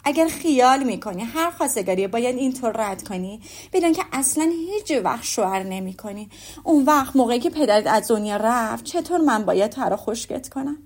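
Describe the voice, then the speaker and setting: A woman voicing a fretful, complaining middle-aged mother, shrill and self-pitying, in an audiobook. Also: lively intonation. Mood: scolding. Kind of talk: audiobook character voice.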